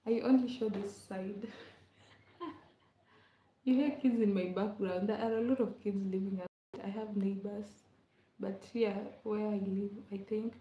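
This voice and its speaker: A young Kenyan woman with a medium-pitched voice chats casually with livestream viewers, laughing a lot and repeating herself. She's indoors in a rented room at home, using a laptop mic. The room echoes, the sound is dull and lo-fi, and there's slight background noise.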